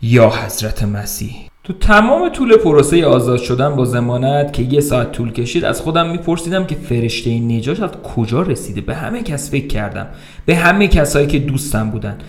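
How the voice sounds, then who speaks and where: A man's voice: medium pitch, very animated. A man narrating a first-person short story aloud for a podcast, in a wry, conversational telling.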